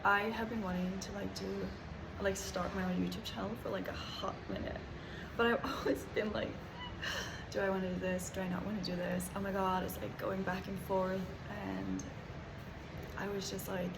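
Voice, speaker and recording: A woman's voice: medium pitch, little pitch movement, moderate pace, gravelly. A woman in her twenties from Norway, chatting casually and bubbly to camera with lots of fillers. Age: 20s. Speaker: vlogger. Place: holiday lodging. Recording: noisy background.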